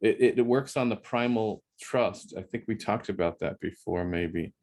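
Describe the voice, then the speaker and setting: A man hosting an interview speaks reflectively in a lowish, slightly mellow voice at normal speed, repeating words as he searches for the right ones. It's a casual interview chat led by the host.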